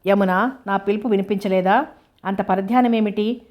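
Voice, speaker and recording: A woman reading a novel aloud, voicing a worried mother who pleads and scolds in a flat, even tone. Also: medium pitch, moderate pace, dull audio, close to an everyday voice. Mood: anxious pleading. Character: worried widowed mother, anxious, fussing.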